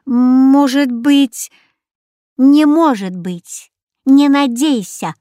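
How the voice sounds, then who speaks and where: A woman's voice: medium pitch, animated, a little slow, no room sound, studio quality, natural voice. A woman voicing a courteous, teasing talking parrot with a drawling delivery.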